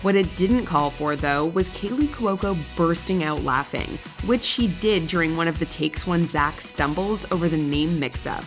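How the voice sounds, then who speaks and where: A woman's voice: sits low, moderate pace, hardly any pauses. A woman reading scripted narration for a countdown list. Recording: music behind the voice. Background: background music.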